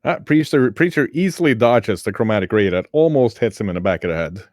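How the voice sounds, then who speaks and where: Low-voiced relaxed male game master. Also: fast, dry recording, clean studio sound. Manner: relaxed, wry, chatty. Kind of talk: narrating a tabletop game online.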